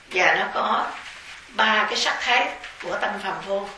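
Buddhist nun lecturing in an echoey hall. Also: female voice, medium pitch, pushed and bright. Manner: measured, explanatory, spelling out terms. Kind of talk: dharma lecture. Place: large temple hall. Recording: echoey hall, distant mic, faint hiss.

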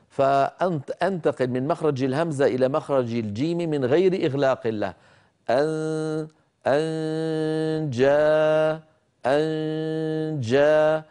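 Dark-voiced man teaching recitation. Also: medium pitch. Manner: deliberate, demonstrates sounds slowly and drawn out; corrective, sometimes scolding. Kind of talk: tajweed lesson with spoken demonstrations.

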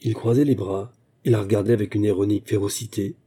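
Male narrator, slow measured story reading, low voice, very dark, husky. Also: steady tone. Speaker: audiobook narrator. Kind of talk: scripted narration of a short story.

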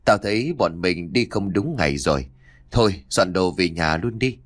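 Dude doing jumpy young bachelor, argues back fast, low lively voice. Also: male voice. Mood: uneasy. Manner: quick, nervous, argumentative. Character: jumpy unmarried young man, fishing buddy.

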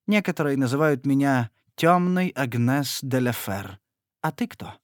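A man's voice: medium pitch, lively intonation, unhurried, dry recording, natural voice. Brusque, impatient young country woman in a storybook, voiced by a male reader, somewhat raised, dry sound. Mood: stern. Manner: blunt, commanding.

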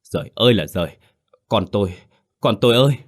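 A man voicing a spiteful, shrill old mother-in-law in a narrated folk tale. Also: very animated, fairly quick, a bit bright, husky, heavily acted. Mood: wailing. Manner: shrill, biting.

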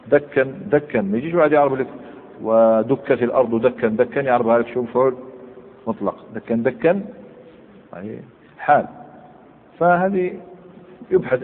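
Man teaching grammar in an echoing hall. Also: medium pitch. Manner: explains step by step, quizzing students with short questions. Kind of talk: classroom grammar lesson. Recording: phone-like tinny recording with long hall reverb and faint hiss.

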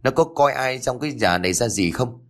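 A man voicing an angry older stepfather who scolds forcefully. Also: mid-range voice, expressive, a little fast, voice pushed up, close to an everyday voice. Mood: furious scolding.

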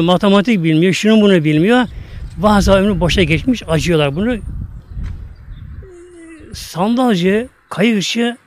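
A man preaching a sermon to his congregation, emphatic, telling stories and drawing out Arabic verses slowly. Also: sits high. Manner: addresses congregation repeatedly. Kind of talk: sermon with storytelling.

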